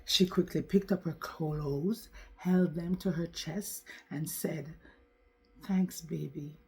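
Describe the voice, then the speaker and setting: A woman narrating a storytime tale in a slow, deliberate way, with asides to the listener. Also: deep voice, mellow.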